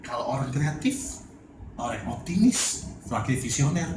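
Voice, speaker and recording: A man's voice: medium pitch, normal speed. Joking male pastor, echoey hall. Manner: lively, joking, laughs often. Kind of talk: storytelling sermon. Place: church hall. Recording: echoey hall, distant mic, noisy.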